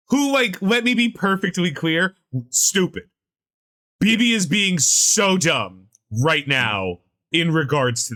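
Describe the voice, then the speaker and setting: A man co-hosting a casual pop-culture podcast, talking in an animated, sarcastic rant with frequent swearing. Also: on the high side. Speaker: podcast co-host.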